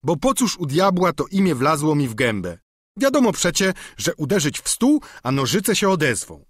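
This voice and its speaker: A man's voice: fairly high pitch, sing-song, normal speed, dry recording, clean studio sound, pitched above the performer's own voice. A man reading a storybook, voicing a simple, talkative peasant squire in an eager, folksy way. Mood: pleading. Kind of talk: audiobook character reading.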